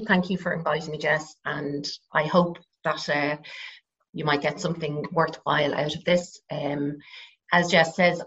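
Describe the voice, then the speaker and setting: A middle-aged Irish woman with a croaky voice, explaining her work informally in a hesitant, measured way with frequent pauses. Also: low-pitched, fairly bright tone. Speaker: psychotherapist, interview guest. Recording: dull, lo-fi sound.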